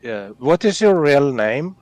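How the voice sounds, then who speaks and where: A man's voice: mid-range voice, big pitch swings, measured pace, a little mellow, no echo. Easygoing man in voice chat. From Sweden. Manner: friendly, easygoing, adds many small fillers. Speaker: fellow flight-sim pilot on the stream call. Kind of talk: casual voice chat.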